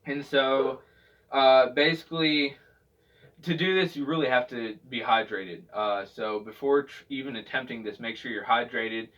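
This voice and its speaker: A vocal technique instructor delivers a casual, loose tutorial at a moderate pace in a mid-pitched, slightly bright voice. He rambles a bit, hesitating and looping back over his phrases. The audio is dull, and he sounds distant from the microphone.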